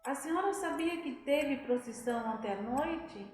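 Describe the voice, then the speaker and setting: A woman's voice: high-pitched, lively intonation, moderate pace, a little mellow. A Brazilian woman voicing an earnest young churchgoing woman who complains to the priest. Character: young church-going woman, indignant then frightened. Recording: very echoey room, faint music.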